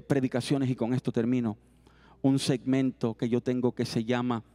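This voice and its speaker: A man's voice: medium pitch, dark tone. A man preaching a youth service sermon. He repeats his exhortations in an earnest, rising cadence.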